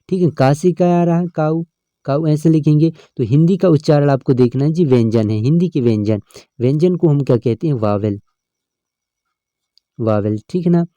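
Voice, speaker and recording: A man's voice: fairly high pitch, dark tone, dry recording. A male teacher, explaining an English grammar lesson step by step and often checking in with his students. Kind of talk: exam-prep lesson.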